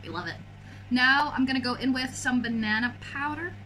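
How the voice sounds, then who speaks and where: A young woman with a raspy, lazy voice chatting casually through a makeup tutorial, full of fillers. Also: high voice, normal speed, noisy background. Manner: lazy, laid-back delivery full of fillers. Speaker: makeup vlogger.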